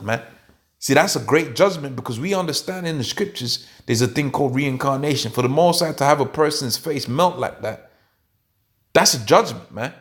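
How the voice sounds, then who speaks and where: A man preaching a sermon in an emphatic, repetitive way, often tagging his points with "man" and "all right?", stumbling and restarting as he goes. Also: mid-range voice. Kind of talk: street-camp sermon teaching.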